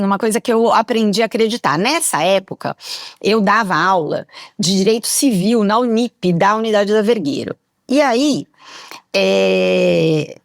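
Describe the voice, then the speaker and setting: Woman, middle-aged, loud voice, lively storytelling, studio mic, dry close sound. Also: mid-range voice, no echo. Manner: talks very loudly; lively anecdotal telling. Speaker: guest, public prosecutor. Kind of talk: podcast interview storytelling.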